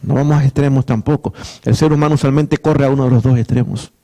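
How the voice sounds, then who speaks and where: A middle-aged male pastor delivering a sermon in a warm, mellow voice at an ordinary pitch. He speaks earnestly, circling back to repeat phrases and restarting words as he goes. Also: fairly even intonation, fast.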